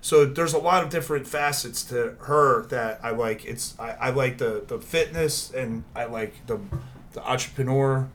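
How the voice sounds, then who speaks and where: A man's voice: mid-range voice, normal speed, fairly bright tone, soft background music. A man in casual chat, easygoing and agreeable, rambling through a story.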